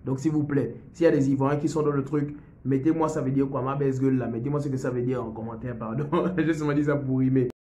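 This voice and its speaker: A man's voice: medium pitch, fairly even intonation, fast talker, mellow. A young man chatting casually and jokingly to viewers as a music video host. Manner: chatty, joking, addresses viewers as "les gars". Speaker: music youtuber. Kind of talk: casual vlog chat. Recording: roomy echo.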